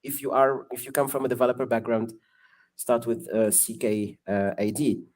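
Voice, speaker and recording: A man, a guest on an online panel, explaining things in a measured way over a video call. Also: medium pitch, level tone, darkish tone. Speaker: guest expert. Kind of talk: casual online panel chat.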